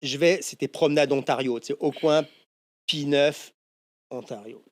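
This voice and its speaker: A middle-aged man from France with a French accent, a podcast guest telling lively anecdotes in casual chat and swearing freely. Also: a little high, moderate pace, no room sound, clean studio sound. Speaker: guest, tattoo shop owner. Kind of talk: casual storytelling interview.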